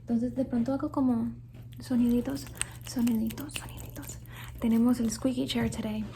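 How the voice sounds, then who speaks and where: A woman from Colombia whispers softly in an even, unhurried line, drifting between Spanish and English. She repeats single words again and again for tingles, and her voice has a warm, mellow tone. Faint thunderstorm sounds murmur behind her. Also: fairly high pitch, a little hiss or hum. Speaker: ASMR creator. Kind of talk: whispered ASMR ramble.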